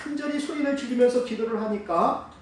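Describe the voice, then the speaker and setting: A pastor preaching a sermon with strong emphasis, his delivery swinging between loud calls and hushed asides. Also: very high voice, a little fast. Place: church sanctuary. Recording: echoey hall, picked up from a distance.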